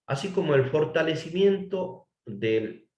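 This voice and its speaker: A man from Ecuador, giving a formal legal lecture in a measured way, restating phrases and asking rhetorical questions. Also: on the high side, lively intonation, a little mellow, reverberant, highs cut off. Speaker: course lecturer.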